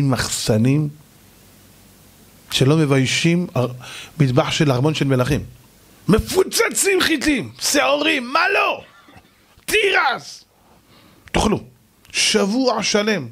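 A man, a rabbi, giving a sermon with animated storytelling and speaking directly to his listeners. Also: on the high side.

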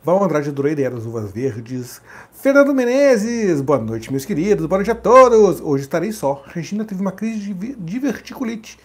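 A man's voice: high-pitched, sing-song, normal speed, few pauses, slightly rough. A man co-hosting a casual livestream, reading viewers' comments aloud and greeting them one by one by name. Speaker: livestream co-host reading chat.

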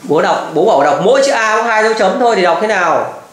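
A man's voice: high-pitched, animated, fast talker, fairly bright tone, a little hiss or hum. Firm man drilling English pronunciation, echoey room. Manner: firm, repeating corrections and model words. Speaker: home English tutor to a child.

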